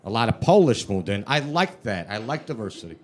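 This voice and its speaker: A man's voice: lowish voice, sing-song, brisk. A man with a thick Chicago accent doing brash, streetwise stand-up comedy. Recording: noisy live comedy room.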